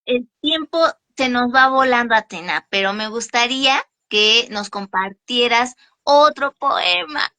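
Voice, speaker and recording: A woman's voice: a little high, expressive, a little slow, hardly any pauses, bright, forceful tone. A woman hosting an online literary gathering, asking questions hesitantly with some fillers. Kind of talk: interview questions.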